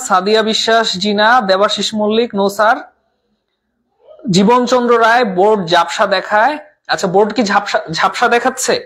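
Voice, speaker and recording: A man's voice: high-pitched, a little fast, fairly bright tone. A man teaching a live online class, repeating terms, asking and answering his own questions, and mixing English words into his talk. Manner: reads out viewer comments.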